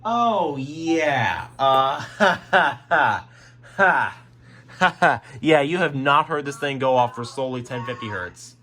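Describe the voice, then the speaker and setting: Late at home, a man shows off his radios in a casual vlog, speaking slowly yet animatedly in a medium-pitched voice that's pushed and bright. He rambles, restarts sentences, and curses now and then as his throat gets sore. A little hiss or hum is present.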